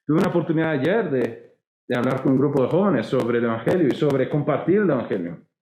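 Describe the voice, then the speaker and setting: A man's voice: medium pitch, animated, a little fast, mellow, reverberant, rough recording. A man preaching a sermon with a Costa Rican accent, conversational and acting out the voices he quotes. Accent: Costa Rican Spanish. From Costa Rica. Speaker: pastor.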